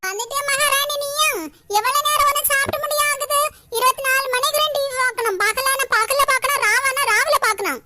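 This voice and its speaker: A woman's voice: very high voice, a little fast, pushed and bright, full character voice. Fussy scolding old granny, voiced by a woman. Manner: scolding, nagging, complaining about chores. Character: nagging old grandmother, short-tempered, fussy. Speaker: voice actor for a homemade cartoon. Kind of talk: comic cartoon voice acting.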